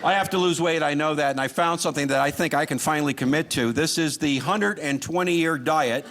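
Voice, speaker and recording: A man's voice: on the high side, a little fast, a bit bright. A man doing live stand-up comedy with a dry, sarcastic lilt, talking to his audience. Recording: noisy live comedy show recording. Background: audience laughter and noise.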